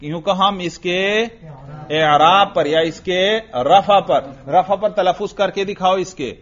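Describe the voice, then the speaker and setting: A man teaching Arabic grammar in a slow, patient way, quizzing students with repeated questions and drills. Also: sits high, fairly bright tone, dull audio. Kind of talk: classroom grammar lesson with drills.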